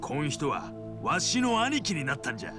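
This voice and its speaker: A brash, loyal yakuza boss from a video game. His rough gangster speech has a Hiroshima accent and swings widely in a high register. Music plays clearly behind him. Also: huge pitch swings, brisk. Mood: bossy. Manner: gruff bossy dialect, fawning toward his sworn brother. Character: brash, middle-aged male yakuza boss, loud and loyal.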